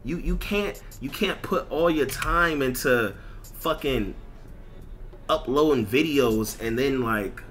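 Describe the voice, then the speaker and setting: An American streamer and content creator rants casually over gameplay on a livestream, using slang, swearing heavily, and repeating himself for emphasis. His mid-range voice is slightly bright and slow-paced, with soft music in the background.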